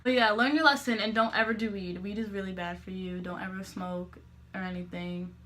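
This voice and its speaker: A woman's voice: medium pitch, steady tone, fairly quick, bright, forceful tone, a little hiss or hum. Rambling, giggly teenage girl vlogging. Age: teens. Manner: rambling, filler-heavy, self-correcting; giggly, laughs between remarks. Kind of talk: casual storytime vlog.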